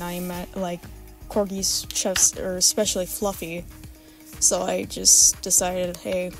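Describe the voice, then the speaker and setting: A woman with a raspy voice giving a casual, informal vlog voice-over about her art, rambling and hesitant as she goes. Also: medium pitch, a little mellow. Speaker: artist presenting original character redesigns.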